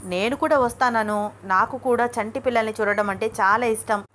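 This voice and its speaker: A woman's voice: fairly high pitch, fairly quick, fairly bright tone, slight background noise, lightly acted. Fond storybook mother-in-law, raised voice, read by a woman. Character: warm middle-aged mother-in-law.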